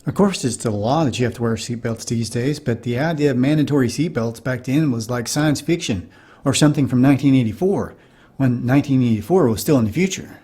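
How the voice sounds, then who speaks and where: A man's voice: medium pitch, fairly quick, dark tone, breathy edge. A middle-aged man giving wry, nostalgic comedic narration for a cartoon.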